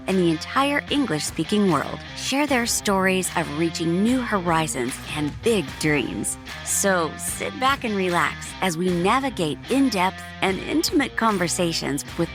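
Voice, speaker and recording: A woman reading a scripted podcast introduction in an upbeat promotional tone. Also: medium pitch. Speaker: show announcer. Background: guitar music.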